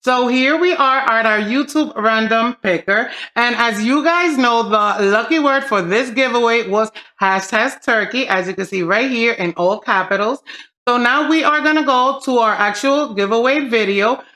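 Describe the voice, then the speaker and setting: A woman hosting a beauty channel, making a hyped giveaway announcement to camera in an excited, gushing way, talking to viewers like friends. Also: on the high side, normal speed.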